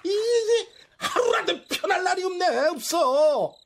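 An actor playing a tired father who sighs and tries to calm his quarreling sons. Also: extremely high pitch, a little slow, heavily acted. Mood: weary. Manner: sighing, placating. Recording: noisy background hiss.

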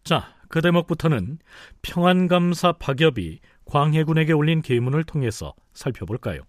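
A man's voice: fairly high pitch, sing-song, moderate pace, no room sound, soft background music. A man hosting a history programme, delivering scripted narration. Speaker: host.

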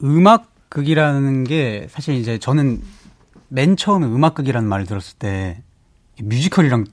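A man who is a stage actor guesting on a radio show, speaking thoughtfully and a little haltingly. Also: mid-range voice, animated, dry recording. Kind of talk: casual radio chat.

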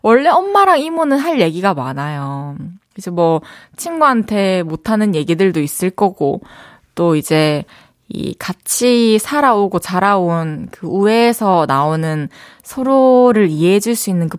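Her voice fairly low and free of echo, a radio DJ from the southeast of Korea, judging by her dialect, reads out listener messages and responds to them. She is friendly and chatty, laughing often, recorded on a studio microphone.

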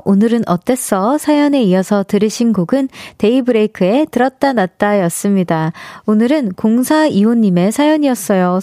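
A woman's voice: fairly high pitch, darkish tone, dry recording. A woman hosting a live radio show in a studio, chatting playfully with listeners and reading their messages. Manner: bubbly, playful, apologetic banter with listeners. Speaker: radio host. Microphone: studio microphone.

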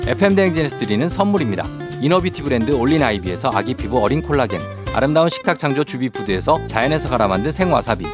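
A man hosting a morning radio show, reading out quizzes and giveaways in an upbeat, punchy announcer's delivery. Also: mid-range voice. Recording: music bed behind the voice. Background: music.

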